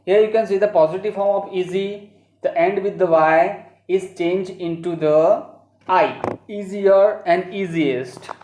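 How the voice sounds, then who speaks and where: A woman's voice: fairly low pitch, dark tone, slight background noise. A woman teacher with a Gujarati accent, reading English grammar rules aloud in a recorded lesson and explaining them. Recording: dull, roomy home recording.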